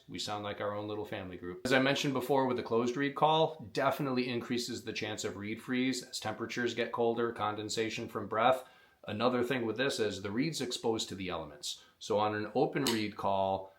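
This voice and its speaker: A man teaching how to use an open reed predator call, explaining in a plain, practical way. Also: mid-range voice. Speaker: call maker teaching coyote calling. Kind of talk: instructional demonstration.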